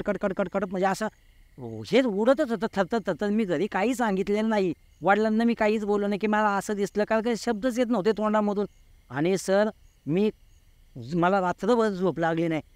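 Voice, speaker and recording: High-pitched guy in his 40s telling a spooky story, acts out sounds, very clear voice. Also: dry recording. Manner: vivid, repeats words for effect, acts out sounds. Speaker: guest telling a true ghost story. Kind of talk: interview storytelling.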